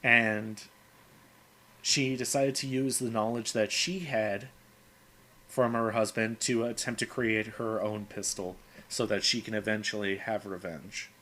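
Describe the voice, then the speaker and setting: Bright, animated man talking casually. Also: on the low side, measured pace. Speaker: player. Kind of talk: casual chat about a character backstory.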